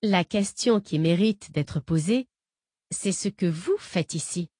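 A woman reading the part of a fugitive woman FBI agent, calm, patient and quietly menacing. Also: medium pitch, moderate pace, breathy edge, no room sound, studio quality. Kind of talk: audiobook character reading.

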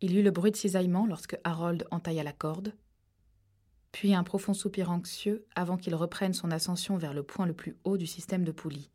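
A woman reading a suspense novel aloud, steady and measured. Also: fairly low pitch. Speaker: audiobook narrator. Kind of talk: scripted narration.

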